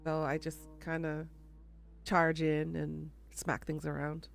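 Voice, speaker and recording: Slow, laid-back woman streamer. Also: deep voice, completely flat delivery, gravelly, soft background music. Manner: laid-back, self-deprecating, talking with chat. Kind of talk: casual gameplay chat.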